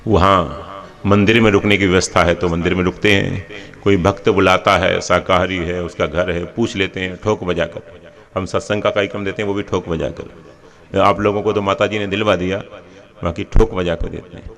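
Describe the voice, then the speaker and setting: A man's voice: deep voice, fairly even intonation, moderate pace, gravelly, a bit bright. A man preaching a devotional sermon, telling scripture stories in a homely, anecdotal way with humorous asides. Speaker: religious preacher.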